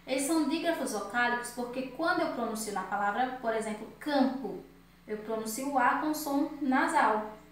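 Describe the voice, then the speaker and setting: A woman teacher giving a grammar lesson to children, drawing out words slowly and with emphasis. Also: sits high, a little hiss or hum. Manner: slow, emphatic word-by-word drilling. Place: room at home. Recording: very echoey room, distant mic.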